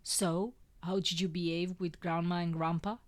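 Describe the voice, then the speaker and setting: A woman voicing a grieving young father who speaks gently in a soft, hushed voice. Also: on the low side, flat delivery, moderate pace, close to an everyday voice. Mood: tender.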